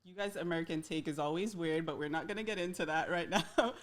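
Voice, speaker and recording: A woman hosting a podcast, upbeat and laughing often as she fires off quick questions. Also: sits low. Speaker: podcast host. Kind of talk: casual interview chat.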